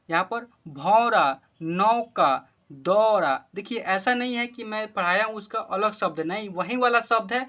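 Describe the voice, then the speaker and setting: A man's voice: high-pitched, bright, forceful tone. A man teaching an online reading lesson for children, reading word lists aloud one by one, correcting his slips and checking that the class follows. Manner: patient, checks understanding with the class. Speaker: Hindi teacher.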